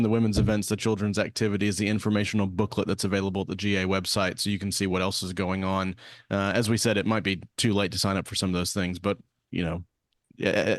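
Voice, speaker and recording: A man's voice: on the low side, dry recording, clean studio sound. A man hosting a casual podcast chat, friendly and often restarting his words. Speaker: podcast host.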